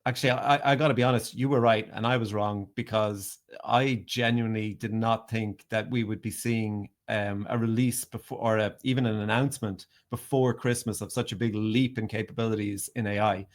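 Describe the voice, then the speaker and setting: Skeptical low-voiced man co-hosting. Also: fairly even intonation, moderate pace, hardly any pauses. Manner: skeptical, thoughtful, laughs while talking. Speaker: podcast co-host. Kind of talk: casual podcast debate.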